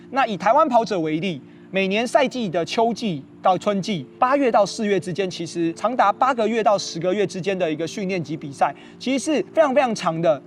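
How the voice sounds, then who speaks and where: A man's voice: sits high, a little hiss or hum. A man with a Taiwanese Mandarin accent hosting a running podcast, explaining training in an organized, step-by-step way. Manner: organized, instructional, step-by-step delivery. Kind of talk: explanatory talk to followers about training.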